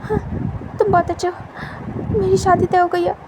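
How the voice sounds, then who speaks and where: A woman's voice: very high voice, flat delivery, normal speed, background noise, voice pushed up. A woman voicing a frightened young man who begs and pleads with his captor. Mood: nervous bargaining. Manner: panicked, begging, breaking into cries.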